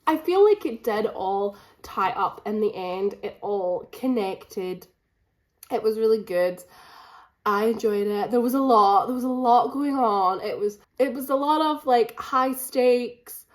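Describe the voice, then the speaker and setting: A woman with a cold, sounding slightly run down, talks to camera in a casual reading vlog, repeating phrases for emphasis. Her voice is a little high and animated, moving at a measured pace, in an echoey room with faint background noise.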